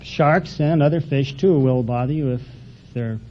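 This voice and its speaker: A man's voice: mid-range voice, normal speed, darkish tone. A man answering plainly and matter-of-factly as a contestant on an old radio show. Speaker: contestant, deep sea diver. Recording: dull, hissy vintage radio recording.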